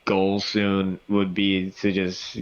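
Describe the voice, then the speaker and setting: A man's voice: low-pitched, slow, muffled recording. A man, co-hosting a podcast and telling stories candidly, with swearing. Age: 20s. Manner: candid, swearing, animated storytelling. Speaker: podcast co-host. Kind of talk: casual chat.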